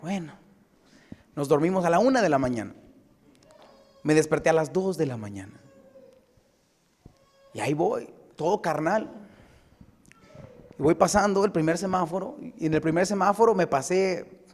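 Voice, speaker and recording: A man's voice: on the high side, moderate pace, long pauses. A pastor, telling a personal story in his sermon and building to emphatic exhortation. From United States. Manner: lively anecdotal preaching, building to emphatic exhortation. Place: church sanctuary. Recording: long church-hall reverb.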